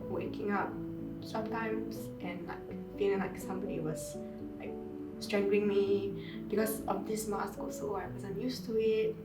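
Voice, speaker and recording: A woman, telling her own story as an interview guest, soft-spoken and halting, with many fillers. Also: medium pitch, little pitch movement. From Singapore. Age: 20s. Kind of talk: personal story in a sit-down interview. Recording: roomy sound from a distant mic, music behind.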